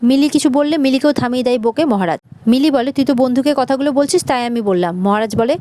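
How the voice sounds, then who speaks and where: Brisk woman retelling a TV episode. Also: high voice, dark tone, no room sound. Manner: brisk storytelling, voicing characters' lines lightly. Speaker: serial recap narrator. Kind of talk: fast retelling of a TV episode with quoted lines.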